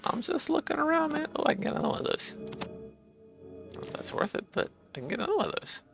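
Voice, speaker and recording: A man playing a video game in casual chat, tired from an early start, excitable, with mumbled asides and sudden bright outbursts. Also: very high-pitched, very fast, gravelly, highs cut off, music in the background. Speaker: gamer playing. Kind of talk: casual let's play chat.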